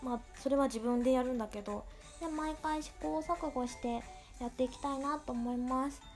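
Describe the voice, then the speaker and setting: A woman's voice: sits high, a little fast, faint music behind. A woman podcast host with a cute, girlish anime-style voice, talking casually and rambling in a playful, self-deprecating way. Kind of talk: casual solo podcast talk.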